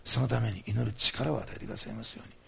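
A man's voice: lowish voice, fairly even intonation, fast talker, creaky, fairly bright tone, slight background noise. A man preaching as a pastor and leading a fervent healing prayer, with commanding declarations and earnest appeals to his listeners. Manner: earnest, coaxing address to listeners.

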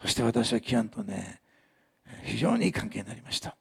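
A man preaching a sermon as a pastor, telling stories with animated delivery and acting out the people he quotes. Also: medium pitch, a little fast, creaky, breathy edge.

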